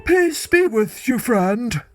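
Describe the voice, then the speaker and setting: Woman doing a slow, greedy storybook bear. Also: a little high, sing-song, over music, voice pushed up. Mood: curious. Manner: slow, wheedling, polite. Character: greedy, inquisitive male bear.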